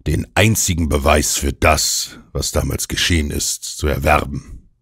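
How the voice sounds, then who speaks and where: A feverish, domineering old uncle , as a male audiobook narrator puts him on, his voice extremely deep. He talks in a gruff, commanding way that turns slow and intense. The sound is dry and close. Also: steady tone, a bit bright, dry recording, exaggerated voice.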